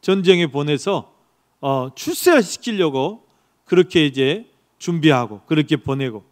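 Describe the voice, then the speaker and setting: High-voiced pastor telling a story. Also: male voice, a little slow. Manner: lively storytelling, acts out dialogue, asks the congregation questions. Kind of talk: sermon.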